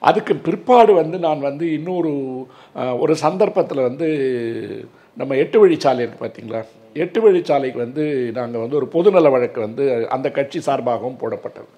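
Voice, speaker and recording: A man's voice: a little high, expressive, a little fast, mellow. A man in his sixties, an advocate, speaking earnestly and emphatically in an interview, with a lot of filler words. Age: 60s.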